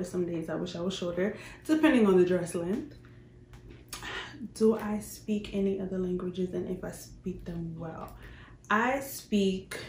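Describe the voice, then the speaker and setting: A young adult woman from Queens, New York, chats casually with viewers as a vlogger answering their questions. Her voice is lowish and warm, and the recording has a roomy echo with faint background noise.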